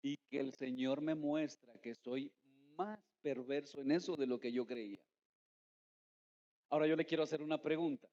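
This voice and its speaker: A man preaching a sermon as pastor, putting questions to his listeners and slowing down to stress key words. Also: on the high side, fairly even intonation, dark tone. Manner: emphatic, asks the congregation rhetorical questions. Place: church. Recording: echoey hall, dull lo-fi sound.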